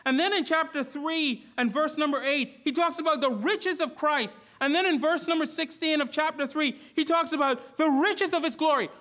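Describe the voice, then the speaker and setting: A man from the Bahamas preaches in a church, his voice pitched high for a man. He speaks earnestly, asks his listeners questions and often restarts his words. The tone is bright and forceful. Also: moderate pace, hardly any pauses. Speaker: pastor. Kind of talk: sermon.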